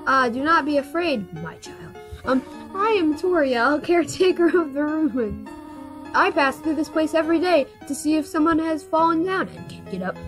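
A woman voicing a gentle, protective monster guardian from a video game in a formal, reassuring manner. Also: high-pitched, lively intonation, moderate pace, voice pushed up. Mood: tender, reassuring. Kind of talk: video game dialogue read aloud. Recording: game music under the voice.

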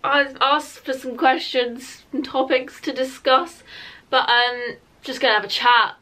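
A twenty-year-old British woman vlogs a casual get-ready-with-me chat to camera, informal and chatty, saying "like" a lot. Her voice is high, pushed and bright, with fairly even intonation and a slightly slow pace, recorded by a camera about a metre away in a small room at home.

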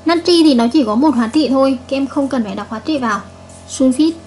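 A woman's voice: sits high, quick pace, darkish tone, faint music behind. A woman chemistry teacher giving a recorded video lesson, patiently repeating each point and checking with her students.

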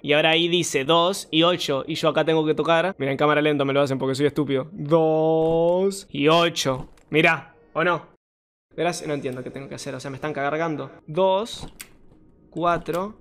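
High-voiced Argentine man playing a game. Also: steady tone, normal speed, fairly bright tone. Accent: Argentine Spanish. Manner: slangy, swears and says boludo often. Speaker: gaming streamer. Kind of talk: casual let's-play commentary.

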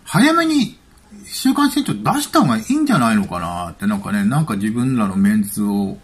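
A man's voice: on the low side, big pitch swings, moderate pace, breathy edge. A man giving casual spoken commentary as a YouTube commentator, chatty and offhand, thinking aloud.

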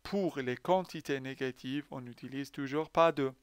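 In a clean mid-range voice with no room sound, a man gives a French language lesson at a moderate pace to students who speak Persian. He patiently asks the class questions before supplying the answers himself.

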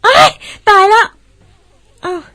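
An actress playing an excitable mother who exclaims and describes what she sees, in old-style radio drama acting. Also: slow. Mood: exclaiming. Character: excitable mother, easily startled.

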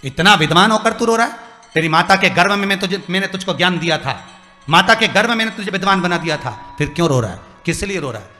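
A man's voice: high voice, lively intonation, quick pace, bright, forceful tone. A man voicing a wise male sage who fondly scolds a weeping boy with coaxing questions, during a sermon. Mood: chiding. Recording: long hall reverb, faint music.

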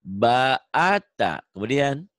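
A man teaching a beginner's Quran reading lesson over a video call, modelling syllables loudly and coaxing his student with jokes. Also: mid-range voice, very animated, very slow, no echo, clean studio sound. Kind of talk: online one-on-one reading lesson.

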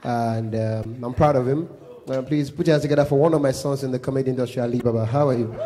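A man with a Nigerian accent doing live stand-up comedy, animated, slipping into Pidgin and Yoruba and loud put-on voices. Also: medium pitch, quick pace. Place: live comedy show venue.

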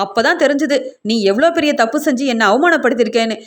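A woman's voice: sits high, fast, close to an everyday voice. A woman voicing a hurt middle-aged mother who reproaches her daughter in an aggrieved tone. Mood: reproachful.

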